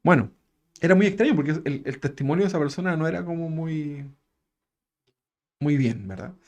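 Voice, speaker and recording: A man preaching a sermon in a relaxed, conversational way, chuckling as he tells a story and tagging his phrases with questions. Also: a little high, a little fast. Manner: conversational, tag questions after nearly every phrase; chuckles while telling a story.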